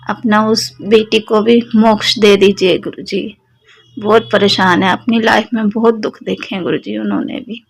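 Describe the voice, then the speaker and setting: A woman's voice: medium pitch, gravelly, breathy edge. Fervent young woman with a Delhi accent. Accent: Delhi Hindi. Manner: addresses listeners as sangat ji, fervent and personal. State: slightly sore throat. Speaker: devotee sharing satsang experience. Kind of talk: devotional testimony talk.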